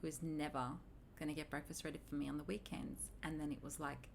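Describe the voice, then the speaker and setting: A woman's voice: deep voice, level tone, fast talker, creaky, slight background noise. A woman co-hosting a podcast, telling a personal story in a candid, wry tone during casual chat. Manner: candid, wry, laughs a lot. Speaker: podcast co-host.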